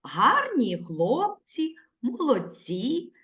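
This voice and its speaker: A slightly high voice with huge pitch swings and a bit of brightness belongs to a primary school teacher running an online literacy lesson for young children over video. She speaks slowly and clearly, drawing words out syllable by syllable and prompting her pupils patiently.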